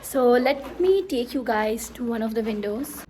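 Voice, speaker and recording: Out by a lake and a hilltop castle, this woman chats into a handheld phone for her travel vlog, cheerful and full of fillers and restarts. Her pitch sits on the high side with lively intonation and a dark tone. She speaks a little slowly over a faint hiss or hum.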